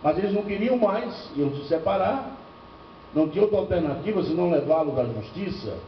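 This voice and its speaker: An older male pastor from Bahia speaks in a high voice, spinning anecdotes and asking the room questions. The recording is dull and lo-fi, picked up from a distance in a reverberant church hall with faint background noise. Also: animated, fairly quick. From Bahia, northeastern Brazil. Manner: storytelling with rhetorical questions and humor. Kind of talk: church seminar preaching. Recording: echoey lo-fi church recording from far off.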